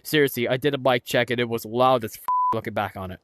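A man's voice: medium pitch, quick pace, a bit bright, dry recording. A man hosting a VR horror gameplay video with playful, teasing commentary. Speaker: YouTube gaming host.

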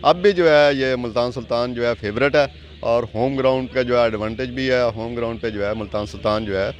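A middle-aged man lays out his cricket analysis in a measured way, filling pauses with stock phrases. He speaks into a handheld mic out on a stadium ground at night. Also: medium pitch, highs cut off. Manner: measured, many filler phrases. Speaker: cricket expert. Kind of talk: field interview.

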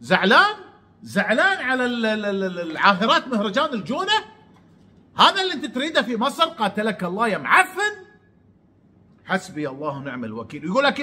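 Angry mocking man, high lively voice. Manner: mocking, insulting, sarcastic. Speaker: online commentator. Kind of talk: angry ranting commentary.

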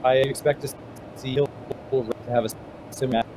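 A man reading audience questions over a remote call, his audio glitchy and breaking up, with halting, fragmented delivery. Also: medium pitch, steady tone. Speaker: question reader. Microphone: remote video call. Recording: noisy, distant, breaking-up call line.

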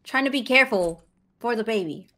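A giggly woman bantering through a co-op game. Her voice is high and bright, with a very lively melody that leaps into shrieks. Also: brisk. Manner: giggly, screams at in-game dangers. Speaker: gaming co-host. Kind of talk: playful gaming banter.

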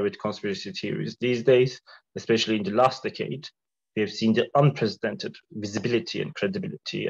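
A man who is unwell, giving an academic presentation over a video call in a careful, measured way with some fillers. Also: fairly low pitch, vocal fry, slightly rough. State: sick. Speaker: guest lecturer. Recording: dull lo-fi call audio.

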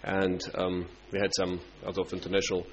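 Man, lowish voice, halting conference speech, dull recording with faint hum. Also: monotone. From Russia. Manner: halting, many fillers and restarts. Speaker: party international coordinator. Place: conference hall.

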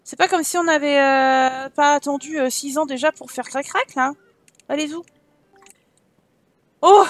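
A woman's voice: sits high, steady tone, moderate pace. A woman giving casual, chatty commentary while playing a life-simulation game, teasing her characters and getting exasperated. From France. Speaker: game streamer.

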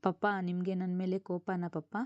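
A woman's voice: on the low side, monotone, normal speed, no room sound, dull audio, natural voice. A woman voicing a spirited, hot-tempered young daughter, questioning and pleading.

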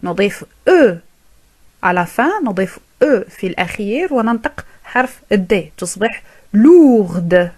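A woman teaching a French lesson, saying each word slowly and repeating it several times for learners. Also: medium pitch, sing-song, a little mellow. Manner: drills each word with careful, drawn-out repetition. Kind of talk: slow, repetitive language lesson.

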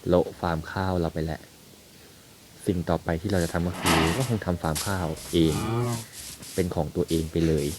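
A young man talks his way through a building game, musing aloud as he goes. His voice sits very low. A loud layer of noise runs under the recording. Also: level tone, moderate pace. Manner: chatty, thinks aloud while playing. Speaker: gaming YouTuber. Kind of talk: casual game commentary.

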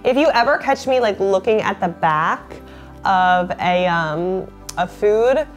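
A woman's voice: medium pitch, lively intonation, takes it slowly, soft background music. A woman in her late twenties chatting casually to camera, bubbly and talkative, filling her sentences with "like". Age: late 20s. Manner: chatty, lots of "like" fillers, bubbly.

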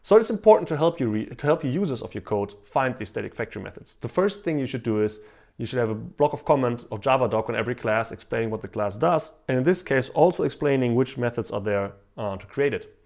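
A man's voice: medium pitch, fast talker, creaky. A man in his thirties teaching programming, explaining code with frequent restarts and fillers. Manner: lively, lots of restarts and uh fillers while explaining. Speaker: programming educator. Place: living room indoors, also outdoors in a park.

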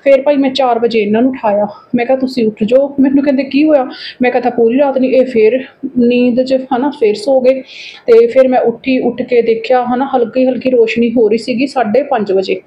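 A woman's voice: fairly high pitch, steady tone, a little fast, muffled recording. A woman vlogger with a Punjabi accent, chatting casually through her daily routine and often adding little tag questions. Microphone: phone camera.

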